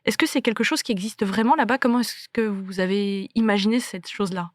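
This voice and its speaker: A woman hosting a book podcast, asking her guest measured, polished questions. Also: medium pitch, no room sound, studio quality. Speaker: podcast host. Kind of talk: interview questions.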